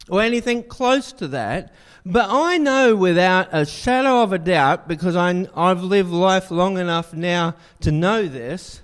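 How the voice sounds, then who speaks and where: A man preaching a sermon in a church, a jokey, animated storyteller. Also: sits high.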